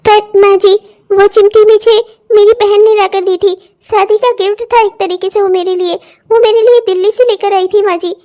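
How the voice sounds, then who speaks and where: A woman voicing a meek, newly married young wife in a cartoon, who speaks in a soft, pleading, put-upon way. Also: very high-pitched, fairly even intonation, moderate pace. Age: young adult. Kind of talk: cartoon voice acting.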